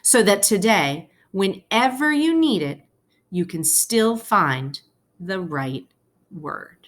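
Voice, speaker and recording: Narrating a picture book for young listeners, this female teacher phrases each line with care and pauses often. Her voice is mid-range and very animated.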